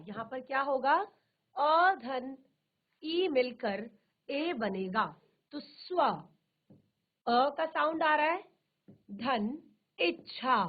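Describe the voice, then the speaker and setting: Brief: woman teacher, high voice, very slow and deliberate, repeats each term, narrow phone-like sound. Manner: repeats terms and asks herself questions. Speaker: Hindi teacher. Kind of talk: slow classroom explanation. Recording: tinny phone-like virtual classroom audio.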